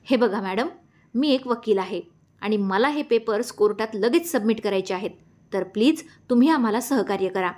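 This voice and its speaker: A woman's voice: fairly high pitch, expressive, moderate pace, darkish tone, natural voice. A woman reading a story aloud, voicing a pushy middle-aged male lawyer who is insistent and falsely polite. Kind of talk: audiobook character voice.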